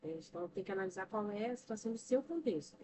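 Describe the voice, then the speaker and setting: Talking fast in an animated, mid-range voice, a Brazilian podcast guest (a church member and counselor) addresses faith and emotional health with preacher-like emphasis and many rhetorical questions. She has a Brazilian Portuguese accent, and the recording comes from a distant mic with faint background noise.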